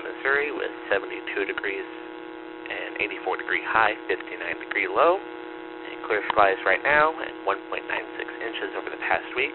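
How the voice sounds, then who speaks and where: A man running an amateur radio net as net control, acknowledging stations in a formal, methodical way over a static-laden radio transmission with a loud buzz. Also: fairly low pitch, narrow, tinny audio.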